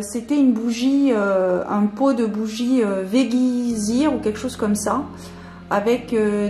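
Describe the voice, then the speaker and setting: Woman vlogger, hesitant and chatty, slightly high voice, roomy echo. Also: dark tone. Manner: hesitant, many fillers and restarts. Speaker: vlogger unboxing candles. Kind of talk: casual unboxing chat. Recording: echoey room with faint music.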